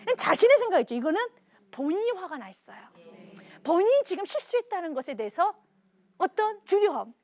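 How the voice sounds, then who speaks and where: Female preacher, high and very lively, animated storyteller who questions the congregation. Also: a little fast. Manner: animated storytelling, acts out dialogue. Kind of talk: sermon.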